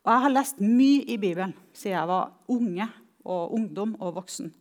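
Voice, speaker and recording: Earnest woman giving a slow testimony. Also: mid-range voice, lively intonation, a little mellow. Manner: earnest, reflective, with slow emphatic pauses. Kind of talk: personal testimony talk.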